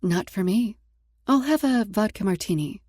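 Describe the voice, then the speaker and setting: A woman's voice: medium pitch, animated, moderate pace, darkish tone, no room sound, clean studio sound, close to an everyday voice. A woman voicing a cool, teasing seductress in a romance audiobook with a sultry manner. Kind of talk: audiobook character voice.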